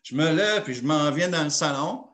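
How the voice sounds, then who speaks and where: A man's voice: a little high, expressive, moderate pace, fairly bright tone, reverberant. A man with a Québécois French accent, a pastor telling a personal story in a sermon and acting out the dialogue. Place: church.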